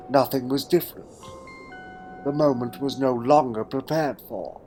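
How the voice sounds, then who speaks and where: Man acting a slow, solemn time-travelling hero, the Fourth Doctor. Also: medium pitch, a little mellow, lightly acted. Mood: wondering. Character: the Fourth Doctor, weary male time-travelling hero recalling his fall. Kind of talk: dramatic first-person narration in fan audio drama. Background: music.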